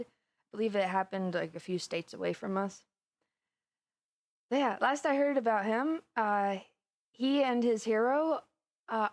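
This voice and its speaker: In a conversational audio roleplay monologue, a woman voice actor plays a giddy, chatty, flustered young villainess confiding in her best friend. Her medium-pitched voice sounds chatty and incredulous as she rambles through gossipy, animated storytelling punctuated by giggles.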